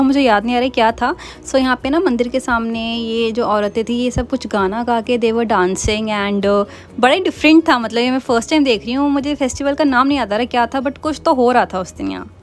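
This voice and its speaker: Chatting at a normal pace in a fairly high voice, the young Uttarakhand woman talks through her family vlog, switching easily between Hindi and English.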